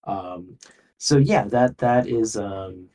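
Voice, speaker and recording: A man guesting on a podcast, talking casually about his game with many pauses and restarts. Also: fairly low pitch, warm tone, far from the mic, rough recording. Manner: hesitant, many ums and restarts.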